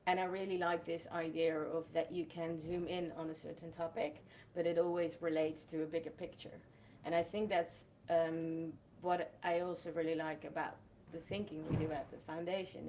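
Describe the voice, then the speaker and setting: A young woman in her twenties from the Netherlands, a festival host explaining her work in a measured, step-by-step casual chat. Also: low-pitched, fairly even intonation, mellow, a little hiss or hum.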